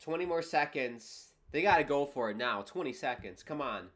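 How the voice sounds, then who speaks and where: A man's voice: mid-range voice, expressive, moderate pace, fairly bright tone. A man hosting a livestream, giving casual, wry and exasperated reactions to a boxing match as it plays. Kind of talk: casual live commentary.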